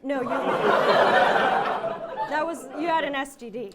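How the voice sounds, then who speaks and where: A woman's voice: high voice, huge pitch swings, slow, heavy background noise. A woman hosting a comedy news show, delivering scripted jokes with sass and laughing between punchlines.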